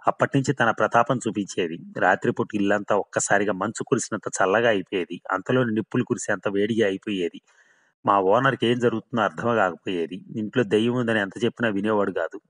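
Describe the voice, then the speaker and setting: Guy reading as a dead drunk laborer ghost, keeps swearing it's true, lowish voice, horror audiobook. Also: fast talker, a bit bright. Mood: recounting.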